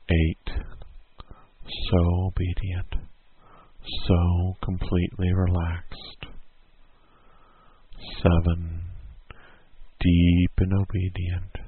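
A man slowly guiding a listener through a hypnosis induction in a soothing, repetitive way. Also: low voice, breathy edge. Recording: tinny phone-like sound.

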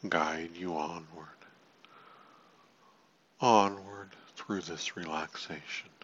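A man with a low voice guides a hypnosis relaxation at an extremely slow pace. He is soothing and repetitive, with words that sink toward a hush. The recording is dull and lo-fi, with some steady noise. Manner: soothing, repetitive, hushed at phrase ends.

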